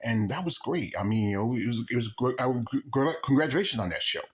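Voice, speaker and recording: Man hosting a vlog, halting delivery. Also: mid-range voice, lively intonation. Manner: halting, with stammered repeats and broken-off words. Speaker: YouTube host. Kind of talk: casual vlog monologue announcing an interview.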